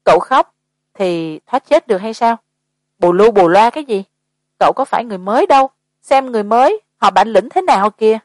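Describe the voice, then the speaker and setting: A hardened, impatient man from an audiobook horror tale, curt and unshaken, voiced by a woman reader. He speaks flatly and briskly. The recording is dry and close. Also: medium pitch, no echo, lightly acted. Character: seasoned gruff man, impatient, calm.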